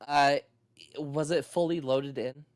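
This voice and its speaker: A man's voice: on the high side, fairly even intonation, slow pace, dry recording, studio quality. A man talking casually as a co-host on a video game stream.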